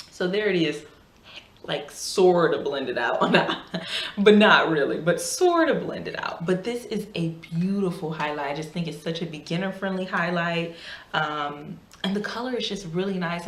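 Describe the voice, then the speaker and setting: Woman youtuber reviewing stuff, lowish voice, talking a bit funny w a swollen lip, echoey room. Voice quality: slightly thick, impeded speech from a swollen lip or mouth. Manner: chatty and emphatic, repeats points for emphasis. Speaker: beauty YouTuber. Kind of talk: casual product review chat to camera.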